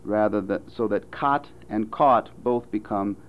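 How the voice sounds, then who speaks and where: An American man with a lowish voice works through vowel sounds one by one. He speaks slowly and deliberately, pausing on each example word like a patient instructor. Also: highs cut off. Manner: slow, careful, measured delivery with deliberate example words. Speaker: phonetics instructor. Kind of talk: recorded vowel demonstration lecture.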